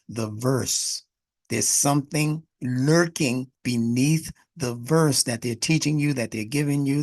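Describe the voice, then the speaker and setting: A man's voice: mid-range voice, dry recording. A male instructor giving an emphatic spiritual lecture, breaking words apart to explain their origins.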